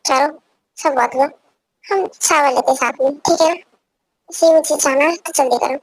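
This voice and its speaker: A woman's voice: high-pitched, moderate pace, no echo, natural voice. A young woman voicing a possessive, domineering young husband who gives orders in an amateur fan dub. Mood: insistent. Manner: commanding, repeats orders.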